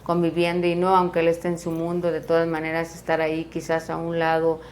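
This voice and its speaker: A woman's voice: low voice, monotone, a little fast, a little hiss or hum. A woman hosting an interview, chatty and fond of acting out everyday scenes. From Mexico. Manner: chatty, acts out everyday scenes, many fillers. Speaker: host. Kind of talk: interview talk.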